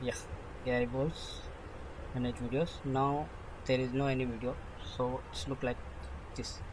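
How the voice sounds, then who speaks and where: A man giving an unscripted screen-recording tutorial voice-over, narrating each step haltingly in short phrases. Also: medium pitch, flat delivery, noisy background. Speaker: tutorial presenter.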